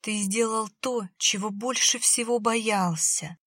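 A woman's voice: mid-range voice, unhurried, fairly bright tone, no room sound, studio quality. A woman voicing a dying young woman who speaks weakly and bitterly in a half whisper. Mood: pitying. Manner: weak, breathy, half-whispered.

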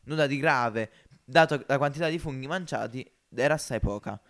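A man narrating a story in an amateur audiobook podcast, in a measured, expressive reading. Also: medium pitch.

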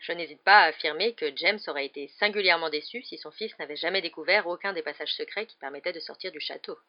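Reader doing a calm tired teacher man, gentle and measured, muffled-ish recording. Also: mid-range voice, natural voice. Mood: kind. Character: gentle, weary male teacher, calm and kind. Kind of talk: audiobook character voice. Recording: slightly dull lo-fi recording.

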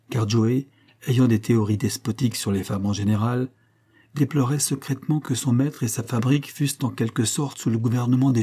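A man narrating a classic novel as an audiobook, in measured, even storytelling. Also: fairly low pitch, breathy edge.

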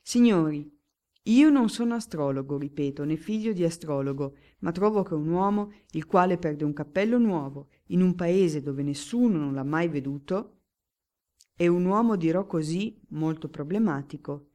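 A woman's voice: fairly low pitch, expressive, normal speed, warm tone, lightly acted. A woman voicing a dry, suspicious lawyer who speaks with emphatic courtroom oratory, in an audiobook reading. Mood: declaiming.

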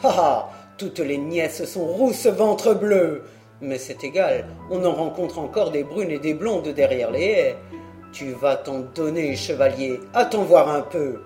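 A reader voicing a gruff, swearing old country squire in an audiobook, speaking loud and boastful. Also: mid-range voice, measured pace, soft background music, pitched below the performer's own voice, natural voice. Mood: boisterous. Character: blustering old Breton country squire, the uncle. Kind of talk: audiobook character voice.

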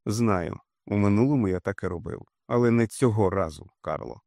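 A man reading a calm, steady father. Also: on the low side, gravelly, dry recording, studio quality. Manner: calm, measured.

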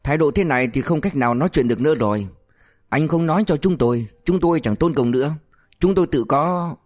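A man's voice: a little high, quick pace, darkish tone, natural voice. A man voicing a cynical male cop who threatens and mocks a suspect. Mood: threatening. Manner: mocking, threatening, crude. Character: cynical, bullying male cop, sly and menacing.

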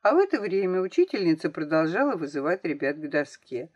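A woman reading a children's novel aloud as an audiobook narrator, with expressive, varied intonation. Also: low voice, a little fast, dull audio.

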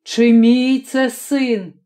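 A woman voicing a stern, grim middle-aged Corsican father who speaks slowly and commandingly in a storybook reading. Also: on the high side, steady tone, dark tone. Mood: cold. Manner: slow, hard and commanding.

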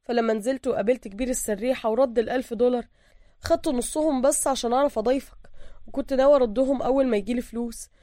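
A woman voicing a frightened young Egyptian man with an Egyptian accent, crying and pleading in a strained, high, loud voice. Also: steady tone, rapid-fire, dry recording, studio quality, natural voice. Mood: tearful. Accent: Egyptian Arabic.

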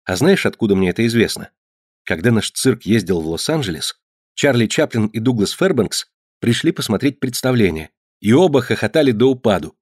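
A man's voice: fairly low pitch, sing-song, fairly quick, breathy edge, dry recording, studio quality. A man reading aloud, voicing a cheerful, good-humoured young circus performer. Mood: amused.

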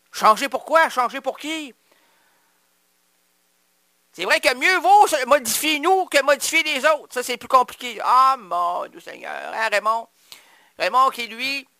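A male radio host improvises a playful comic monologue, punning and rambling as he addresses imagined listeners. His voice is bright and forceful, dry and close in the studio. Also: very high voice, dry recording.

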